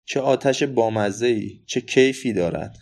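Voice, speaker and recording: A man voicing a bold, wild young girl in a storybook, calling out her lines loudly. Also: mid-range voice, gravelly, lightly acted. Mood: gleeful.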